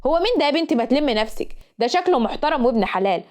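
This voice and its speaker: Woman doing a bossy egyptian dad, firm and scolding, quick talker. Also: sits high, expressive, darkish tone. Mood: stern. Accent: Egyptian Arabic. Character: stern middle-aged father, bossy.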